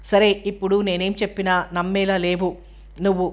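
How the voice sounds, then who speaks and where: A woman's voice: mid-range voice, flat delivery, a little fast, natural voice. Woman reading as a teasing teenage boy. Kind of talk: audiobook novel reading.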